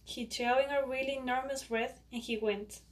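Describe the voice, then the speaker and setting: A woman reading a children's story aloud in a plain, even way, recorded from some distance. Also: sits high, normal speed, faint music behind. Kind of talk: storybook narration. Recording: distant from the mic.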